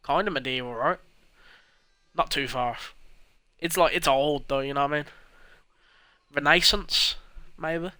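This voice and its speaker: A man rambles through a game stream in a bright, forceful voice, cracking jokes and swearing. His mic is close and the sound is dry, with no room around him. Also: medium pitch, normal speed, pauses often, no room sound. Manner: rambling and jokey, swears often. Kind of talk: casual gameplay commentary.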